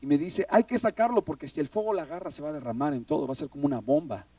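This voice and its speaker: A man's voice: a little high, very fast, warm tone, breathy edge, dry recording. A man preaching a sermon, telling his own story emotionally and often calling out "brother". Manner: emotional storytelling, repeatedly addressing "hermano". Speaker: preacher giving testimony. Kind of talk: sermon testimony. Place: church, recorded live. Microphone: phone stream from a distance. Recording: distant phone livestream of a church.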